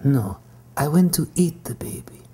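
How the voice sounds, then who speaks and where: A woman voicing a hungry, boastful yet cowardly sock puppet creature in a comic puppet show, with a hushed, mock-sinister delivery. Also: animated, unhurried, heavily acted. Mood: furtive. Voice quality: husky, breathy, dark low voice.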